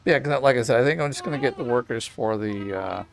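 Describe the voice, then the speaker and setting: A man's voice: medium pitch, quick pace, creaky. A man casually commenting on his gameplay at his home desk, rambling and correcting himself, with a small child beside him. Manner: rambling, self-correcting, chatty asides to a child. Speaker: gaming channel host.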